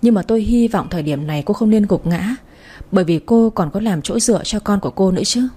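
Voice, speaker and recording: Woman reader as a calm, measured doctor, mellow, husky. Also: medium pitch, close to an everyday voice.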